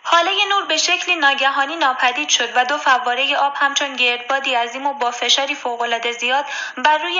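A woman reading an adventure story aloud in a steady, measured way. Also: sits high. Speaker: audiobook reader. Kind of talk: scripted storybook narration. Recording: dull lo-fi recording.

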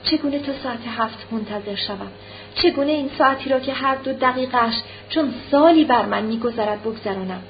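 A woman's voice: high voice, lo-fi sound, a little hiss or hum. Woman reading as a despairing young noblewoman. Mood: sorrowful. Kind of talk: audiobook reading.

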